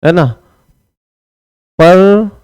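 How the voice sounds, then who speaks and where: Brief: male Hindi teacher, high clear voice, dry close mic, talks through exam questions. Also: fairly even intonation, drawn-out words, a little mellow, no echo. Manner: explains step by step, often asks "है ना"; writes on a board while talking. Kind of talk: exam-prep lesson.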